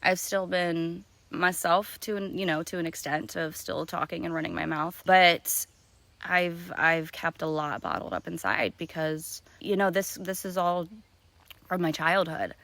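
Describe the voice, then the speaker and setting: A woman's voice: on the low side, a little slow, vocal fry, fairly bright tone, no room sound. A woman talking in a rambling, filler-heavy, partly whispered way in a casual personal vlog, recorded outdoors in the woods. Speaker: vlogger.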